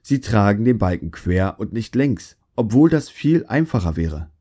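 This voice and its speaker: A man voicing a grumpy, fault-finding master craftsman who scolds everyone, speaking low and scornfully. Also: sing-song, unhurried, mellow. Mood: grumbling. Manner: grumbling, scornful.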